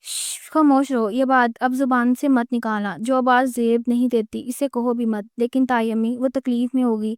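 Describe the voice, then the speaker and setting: A woman's voice: fairly high pitch, steady tone, hardly any pauses, a little mellow, no echo, studio quality, lightly acted. A woman reading a stern middle-aged aunt.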